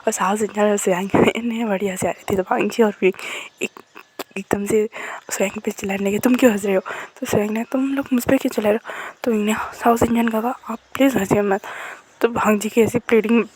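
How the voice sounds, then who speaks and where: A woman casually retelling a drama's plot as a storyteller, moving quickly between narration and the characters' lines. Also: mid-range voice, steady tone, a little mellow, slightly rough, low-quality recording. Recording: faint background noise.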